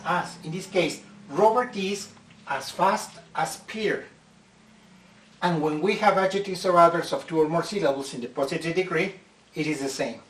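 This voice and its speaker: English teacher, roomy distant sound. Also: male voice, on the high side, fairly bright tone, slight background noise. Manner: slow, careful explanations, stretching out example words. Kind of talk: slide-based grammar lesson.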